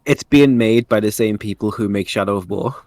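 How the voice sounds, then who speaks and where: A man co-hosting a casual podcast, talking fast and acting out lines he quotes. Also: fairly low pitch, no room sound. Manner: animated, swearing, acts out quotes. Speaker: podcast co-host. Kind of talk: casual chat.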